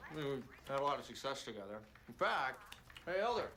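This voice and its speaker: Easygoing young missionary, even mid voice, matter-of-fact, noisy recording. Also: male voice, medium pitch, fast. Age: young adult.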